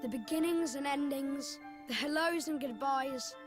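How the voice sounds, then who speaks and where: A high, youthful boy's voice from a video game, with music clearly behind it. He is gentle and curious, and offers reassurance with earnest, philosophical wisdom beyond his years. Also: unhurried. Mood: gently reassuring. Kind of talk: video game cutscene acting.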